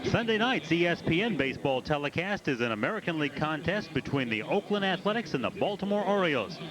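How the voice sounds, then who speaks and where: A male play-by-play announcer calls a baseball game in a voice pitched a little high. The noise of a ballpark crowd sits clearly behind his commentary. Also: very animated, fast talker, rough recording. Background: stadium crowd.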